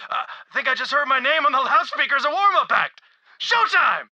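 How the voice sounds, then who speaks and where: A dim, boastful bandit schemer. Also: male voice, extremely high pitch, very animated, bright, forceful tone, no room sound, lo-fi sound, exaggerated voice. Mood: scheming. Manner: fast, scheming, rambling monologue. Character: dim, boastful bandit man sneaking into an arena. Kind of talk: audio log in a video game.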